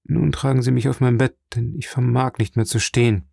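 Give me a man reading a weak, dying old priest in an audiobook, slow, solemn and gravelly, dry close sound. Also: medium pitch, steady tone, darkish tone, dry recording. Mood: instructing.

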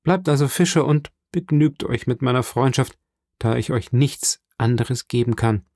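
Guy doing a proud young fisher girl, voice pushed up higher, earnest and firm, dry close sound. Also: moderate pace, darkish tone, no room sound, lightly acted. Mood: earnest, pleading. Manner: raised pitch, earnest pleading tone. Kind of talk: audiobook reading.

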